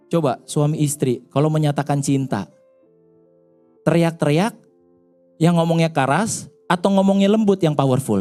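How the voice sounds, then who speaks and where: High-voiced pastor, chatty sermon. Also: male voice, darkish tone. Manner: chatty storytelling, repeatedly addressing the congregation.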